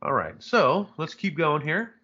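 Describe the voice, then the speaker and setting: A man's voice: fairly high pitch, very animated, unhurried, bright, forceful tone, highs cut off, slight background noise. A man teaching a live online chemistry lecture, talking casually and rambling, with many fillers and frequent "right?" checks. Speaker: chemistry instructor.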